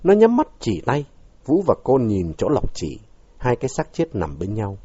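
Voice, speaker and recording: Husky man reading a story dramatically. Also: medium pitch, huge pitch swings, moderate pace, mellow, no room sound. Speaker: narrator. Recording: dull lo-fi dry recording.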